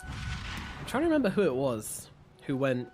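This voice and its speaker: A man casting an esports match, jokey and given to loud bursts of excitement. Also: medium pitch, a little slow, faint music behind. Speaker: esports caster. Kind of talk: play-by-play commentary.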